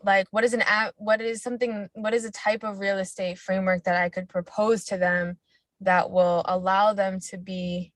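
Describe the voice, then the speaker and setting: A woman's voice: medium pitch, flat delivery, normal speed, no room sound. A young woman calling in while driving her car, speaking hesitantly with many restarts and ums. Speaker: community meeting participant. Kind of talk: casual discussion on a video call. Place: inside a car.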